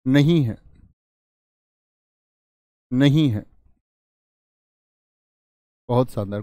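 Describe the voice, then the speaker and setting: This is a male grammar teacher with a north Indian Hindi accent, leading a live online class. His voice sits a little high for a man but sounds warm and mellow, and he speaks very slowly, repeating phrases for emphasis. The sound is dry and close, with no room echo. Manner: slow, repeats key phrases to stress them; reads viewer comments and answers them.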